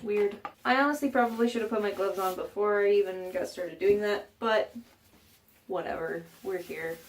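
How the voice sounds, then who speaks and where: Filming in her bathroom at home, a slightly congested woman rambles chattily through a how-to vlog, full of filler words and jokes at her own expense. She speaks in a mid-range voice at a moderate speed, with a faint hiss or hum on the recording.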